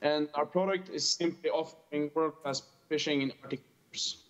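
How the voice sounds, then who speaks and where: Speaking with a Norwegian accent, a young man in his early twenties who runs fishing tourism on a small island in northern Norway delivers a prepared talk earnestly over a remote conference call as a panelist. He has a fairly high, even voice at a moderate pace. The sound is dull lo-fi video call audio.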